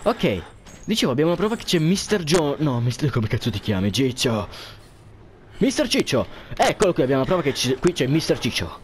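A man's voice: medium pitch, sing-song, fast. Man, horror game commentary, jumpy, joking, swearing, faint background hiss. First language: Italian. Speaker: gameplay commentator.

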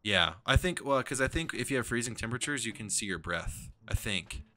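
A man's voice: mid-range voice, expressive, a little fast, pushed and bright. A young man hosting a gaming stream, jumpy and swearing, with frequent nervous laughter. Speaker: gaming channel host. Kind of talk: casual gameplay chat.

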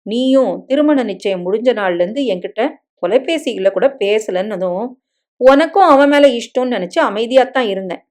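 A woman voicing a devoted young husband in a dramatic story reading, soft and coaxing in manner. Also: a little high, lightly acted.

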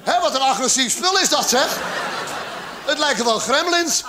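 High-voiced male cabaret comedian on stage. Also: animated, moderate pace. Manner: acts out characters with exaggerated shouts. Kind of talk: stand-up cabaret monologue. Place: theatre stage with live audience. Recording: live theatre recording, audience laughter, background noise.

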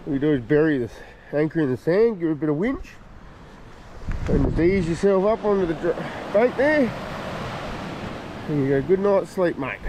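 A man's voice: a little high, animated, normal speed, pauses often. A man with an Australian accent chatting casually on a fishing boat, laid-back, with mild swearing. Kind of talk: casual chat. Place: on a small fishing boat at sea, outdoors. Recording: loud wind, engine and waves behind.

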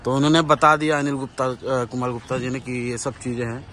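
A man guides viewers through a walking tour, chatting and pointing things out to the camera as he moves. His voice sits in an ordinary middle pitch. He is recorded outdoors on the phone he holds, with faint ambient noise behind him. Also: fairly even intonation, fast, pushed and bright. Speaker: vlogger and interviewer. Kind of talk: walking tour vlog commentary. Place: outdoors walking around an old bungalow compound. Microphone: phone camera held by the speaker.

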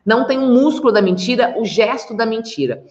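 A woman with a Brazilian Portuguese accent, a body language expert explaining in an interview, lively and acting out little quoted scenes. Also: on the high side, fairly quick. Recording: echoey roomy dull sound.

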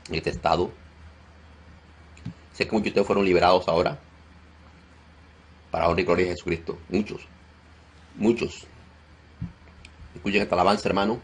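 A male pastor leading a deliverance prayer, loudly commanding and rebuking in a forceful preaching style. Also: deep voice, husky.

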